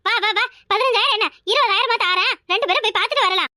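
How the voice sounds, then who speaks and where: A woman's voice: very high-pitched, fast, sharp tone, no room sound, clean studio sound, full character voice. A woman voicing a bossy but generous older mother-in-law in a cartoon, scolding and giving orders. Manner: scolding, commanding. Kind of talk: cartoon voice acting.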